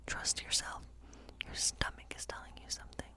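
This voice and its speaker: In an ASMR fantasy role play, a woman whispers breathily without voicing her words. She gives a tarot reading gently and without hurry, explaining in short phrases separated by pauses.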